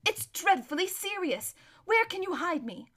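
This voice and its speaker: Storybook role: serious, imperious young noble girl on the run, read by a woman. High, sharp, pressing delivery. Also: expressive, moderate pace. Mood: anxious, serious. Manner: forceful hissing, imperious, earnest. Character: proud, urgent runaway noble girl, serious and bossy.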